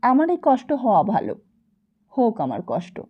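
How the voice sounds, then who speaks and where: A woman's voice: fairly high pitch, huge pitch swings, normal speed, slightly rough, full character voice. A woman voicing a sick, grieving young husband who pleads in a raised, agitated voice. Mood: stubborn grief. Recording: slightly dull lo-fi recording.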